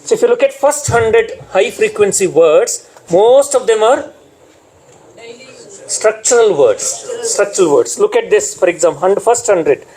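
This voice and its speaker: A man's voice: high-pitched, expressive, unhurried, darkish tone, low-quality recording. A man with an Indian English accent training teachers in a classroom lecture, repeating key terms and quizzing the room.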